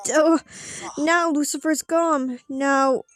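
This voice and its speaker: A woman's voice: high-pitched, fairly even intonation, slow pace, a bit bright, soft background music. A woman playing through a story game, reading the dialogue aloud theatrically with casual asides. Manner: theatrical, acting out character lines. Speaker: let's play streamer.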